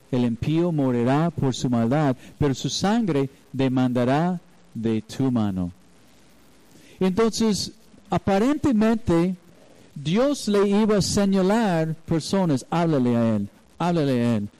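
A pastor with a slightly high, dark-toned voice preaches a sermon on poor audio. He tells a personal story and acts out the voices in it.

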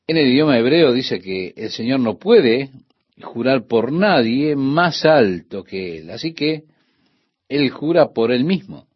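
Husky-voiced man teaching the Bible on radio. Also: medium pitch, very animated, slow pace, highs cut off. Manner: earnest, addresses the listener directly.

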